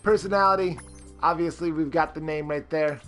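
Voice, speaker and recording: A man's voice: a little high, fairly even intonation, brisk, fairly bright tone, faint music behind. A man streaming a character-creation game, rambling with lots of fillers and greeting chat viewers. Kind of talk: casual live-stream commentary.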